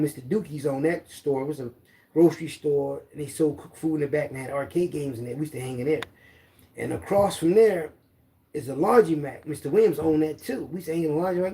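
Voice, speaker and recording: A middle-aged man with a Philadelphia accent, appearing as a storyteller guest, tells loose, rambling street stories in casual slang. His voice is on the high side, with vocal fry and a darkish tone.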